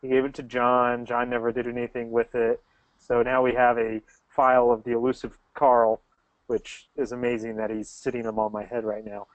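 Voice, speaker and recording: Joking host on a dry video call. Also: male voice, mid-range voice, little pitch movement, normal speed, no echo, dull audio. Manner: joking, teasing. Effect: heard over a video call. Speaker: show host.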